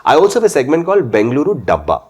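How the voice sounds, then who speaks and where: A man's voice: mid-range voice, wildly swooping pitch, racing, darkish tone, husky. A man with an Indian accent hosting a casual interview, chatting with his guests and putting questions to them. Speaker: podcast host.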